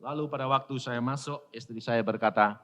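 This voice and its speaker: Male preacher, dramatic storytelling, bright, forceful tone. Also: mid-range voice, a little fast, in a large hall. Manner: dramatic storyteller, loud bursts and hushed asides. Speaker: pastor. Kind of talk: sermon.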